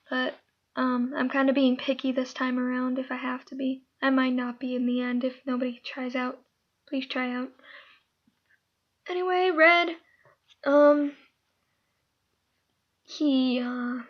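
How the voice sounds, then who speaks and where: A woman's voice: sits high, lo-fi sound. A woman hosting a casting call, talking casually and rambling with lots of fillers and self-corrections. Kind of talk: casual talk describing characters.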